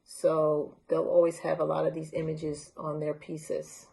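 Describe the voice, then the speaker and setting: A woman's voice: sits low, completely flat delivery, a little slow, creaky, heavy background noise. A woman from Honduras, presenting handmade crafts in a casual, unscripted show-and-tell talk and holding pieces up to the camera. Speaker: library art talk presenter.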